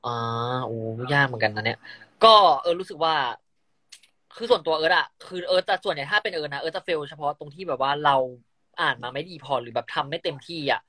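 Young man, from northern Thailand, casual live-stream chat, fast talker, dry sound. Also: fairly high pitch, lively intonation, bright, forceful tone, no room sound. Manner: chatty, giggly, quick teasing banter. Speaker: actor guest on live stream.

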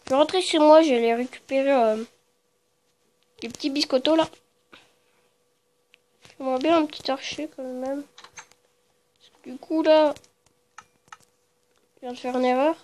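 Woman gamer, high pitch, casual play-by-play, murmurs then sudden startled cries, cusses freely. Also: steady tone, normal speed, pauses often, darkish tone. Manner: muttering low, then bursting into startled shrieks and swearing; chatty with viewers, talks to the game creatures. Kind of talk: casual game commentary.

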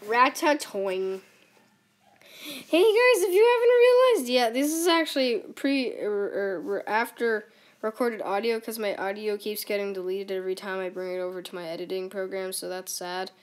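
A woman giving rambling, goofy commentary while playing a video game, with sudden squeaky outbursts. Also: steady tone, normal speed. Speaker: gamer. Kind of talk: casual gameplay commentary.

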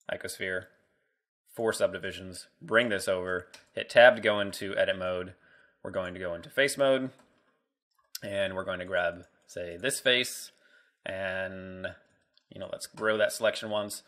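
A man's voice: fairly low pitch, bright, forceful tone. A man walking through a 3D modeling screencast tutorial in a casual way, thinking aloud as he works. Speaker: 3D modeling instructor.

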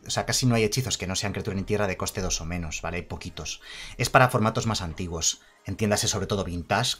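A man talking casually through card previews, chatty and quick to correct himself. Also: low-pitched, fairly bright tone. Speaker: card game youtuber. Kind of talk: casual card-review commentary.

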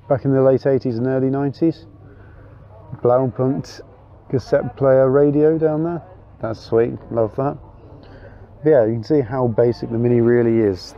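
A man's voice: medium pitch, lo-fi sound. A man giving casual, enthusiastic walkaround commentary at an outdoor car meet, thinking aloud with small fillers as he goes. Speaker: car vlogger.

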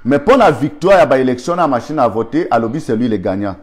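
A man's voice: medium pitch, expressive, quick pace. A man with a Congolese accent gives an argumentative political commentary, firing rhetorical questions and thanking viewers by name.

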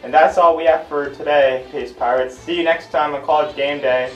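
A man's voice: fairly high pitch, steady tone, moderate pace, echoey room, muffled recording. A young man presenting sports as part of school announcements. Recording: music under the voice. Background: background music.

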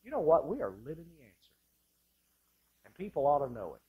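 Husky-voiced preaching pastor. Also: male voice, on the high side, wildly swooping pitch, brisk, narrow, tinny audio. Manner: impassioned preaching, swinging from loud to hushed. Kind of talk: sermon. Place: church sanctuary, indoors.

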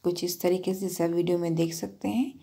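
Woman walking thru a home recipe, kinda gravelly and husky, patient and easygoing. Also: on the low side, little pitch movement, a little fast, mellow. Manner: patient, explains each step with practical tips. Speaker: cooking channel host. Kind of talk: step-by-step recipe voice-over.

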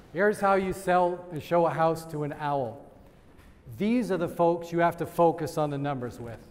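A man giving a lively sales training talk to a live audience, quizzing the crowd and laughing often. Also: fairly high pitch. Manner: energetic, asks the crowd questions and laughs. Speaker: real estate sales trainer. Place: event room with audience. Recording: long hall reverb.

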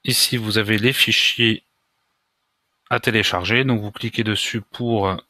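A man walks through a computer tutorial, halting and casual, often pausing to find his words. His voice is low-pitched yet bright and forward. The sound is close and dry, recorded at a desk mic with no room echo. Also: fairly even intonation. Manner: hesitant, many fillers and restarts, casual explanations. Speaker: WordPress tutorial maker. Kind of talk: screen-recorded software tutorial.

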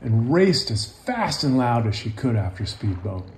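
Very animated yet unhurried, this man's medium-pitched, darkish voice carries a little hiss or hum in the recording. He's an author and illustrator in his fifties doing a children's read-aloud and drawing tutorial, with simple, casual words and encouraging asides for young viewers.

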